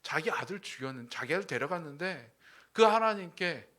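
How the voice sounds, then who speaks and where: Male pastor, sermon, animated, bright forceful voice, slightly high. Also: normal speed. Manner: animated preaching with acted quotes and rhetorical questions.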